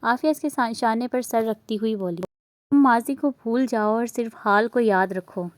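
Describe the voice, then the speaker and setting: A woman with an Urdu accent reading a romance novel aloud, voicing dialogue and narration in a steady, even way. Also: a little high, moderate pace, dry recording. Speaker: novel reader.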